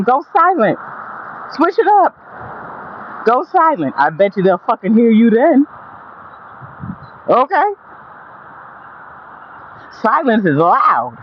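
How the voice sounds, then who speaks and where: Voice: mid-range voice, expressive, normal speed, pauses often. A person giving a blunt, emphatic, profane motivational monologue while out walking, repeating phrases to drive points home. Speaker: motivational vlogger. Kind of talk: motivational monologue, casual straight talk. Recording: dull lo-fi audio, faint background noise.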